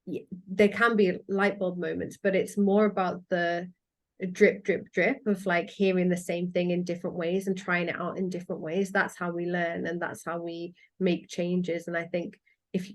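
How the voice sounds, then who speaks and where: A woman with a slightly low voice speaks as a psychologist guest on a podcast. She explains ideas thoughtfully in a relaxed conversational flow. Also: normal speed. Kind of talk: casual conversation.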